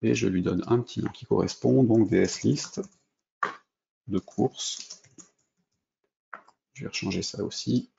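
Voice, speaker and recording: A man's voice: on the low side, a little slow, gravelly, long pauses, dark tone, dull audio, slight background noise. A French man giving a screen-recorded coding lesson, thinking aloud with many fillers and restarts as he clicks through steps. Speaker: programming instructor.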